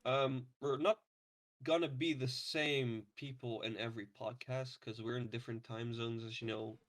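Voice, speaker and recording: A man in his twenties hosting a casual podcast, relaxed and hesitant with many ums. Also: medium pitch, normal speed. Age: 20s. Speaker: podcast host. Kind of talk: casual chat.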